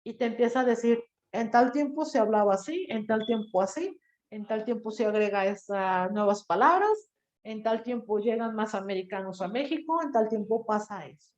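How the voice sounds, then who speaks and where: A woman teacher, giving a lively classroom lecture and listing terms with a casual "bla, bla". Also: fairly high pitch, moderate pace. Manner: lively, explanatory, lists terms and trails off with "bla, bla". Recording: echoey room, dull lo-fi sound.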